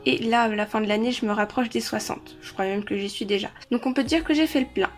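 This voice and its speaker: Woman vlogging at home, kinda high voice, rattles off names w lots of ums, bit of music under it. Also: fast. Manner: chatty, lists names with many hesitations. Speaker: vlogger showing her collection. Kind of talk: casual show-and-tell. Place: indoor room shared with siblings.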